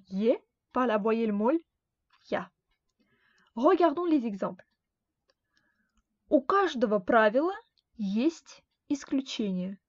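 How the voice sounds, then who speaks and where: A woman teaching a grammar lesson, speaking slowly and carefully and repeating each example word. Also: fairly high pitch, no echo. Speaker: Russian language teacher. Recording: dull dry lo-fi sound.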